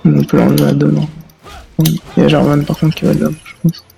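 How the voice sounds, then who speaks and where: Gravelly male gaming buddy. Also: a little high. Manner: relaxed, quick reactions to the game. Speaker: teammate on voice chat. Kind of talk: casual gaming chat.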